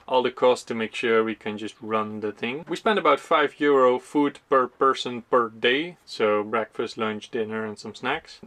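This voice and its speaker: A man hosting a community project vlog, explaining costs and plans in a relaxed, plain-spoken way. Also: mid-range voice. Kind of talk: casual explanatory vlog narration.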